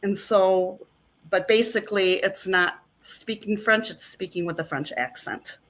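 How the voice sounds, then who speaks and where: A middle-aged actress rambles with plenty of fillers as a guest in a casual interview. Her voice is mid-range and fairly bright, and she speaks at a measured pace.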